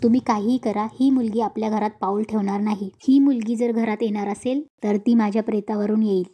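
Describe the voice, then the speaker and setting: Stern middle-aged mother, read by a woman, harsh, unbending, level delivery, soft tone. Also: mid-range voice, fairly even intonation, a little fast, slightly rough, close to an everyday voice. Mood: angry. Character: stern middle-aged mother refusing her daughter-in-law.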